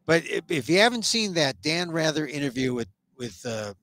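Speaking on a headset mic in a small room, this American talk show host in his sixties leads a casual, opinionated online chat. His voice sits on the high side with big pitch swings, a moderate pace and some brightness, and his thoughts ramble and restart.

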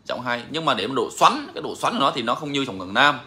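Emphatic, bright-voiced man. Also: medium pitch, sing-song, quick pace, slight background noise. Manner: emphatic, repeats phrases. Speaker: songbird breeder answering viewers. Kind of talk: casual live Q&A chat.

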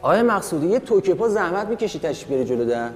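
An actor playing a young man in a TV series who turns from polite to loudly threatening. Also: high-pitched, very animated, big-room sound, soft background music. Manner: polite, then threatening and loud. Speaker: young man confronting the boss. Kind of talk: TV series acting.

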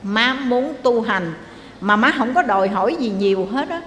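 A woman voicing an elderly, aggrieved mother-in-law who pleads softly with her daughter-in-law. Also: a little high, expressive, moderate pace, a little hiss or hum. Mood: pleading. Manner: pleading, coaxing. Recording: echoey hall, faint ambience.

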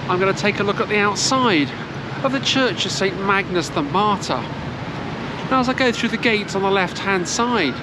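A woman's voice: mid-range voice, expressive, moderate pace. A woman vlogging outdoors in a city churchyard, giving a casual history walking tour with many fillers and restarts, filmed on a handheld camera at arm's length. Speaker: travel vlogger. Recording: loud city background noise.

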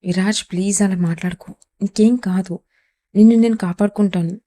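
A woman's voice: fairly low pitch, little pitch movement, a little fast, mellow, lightly acted. A tearful young heroine, as a woman reads her. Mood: pleading. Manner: pleading, emotional.

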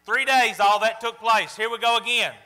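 A man preaching in a very high, sharp, bright voice. He keeps checking in with the congregation and hammers home each point with emphasis. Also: normal speed. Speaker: pastor. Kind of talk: sermon.

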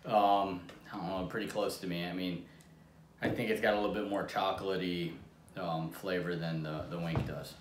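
A man co-hosting a home taste-test vlog in a loose, rambling way, often restarting his sentences. His voice sits fairly low. The recording is roomy and echoey, with a faint hiss behind it. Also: steady tone, moderate pace. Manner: rambling, restarts sentences, talks with mouth full. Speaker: vlog co-host. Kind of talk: casual taste-test chat. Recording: echoey room with faint noise.

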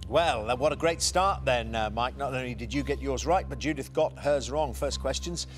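A man hosting a television quiz show in a studio, briskly reading out questions and answer options. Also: medium pitch, soft background music.

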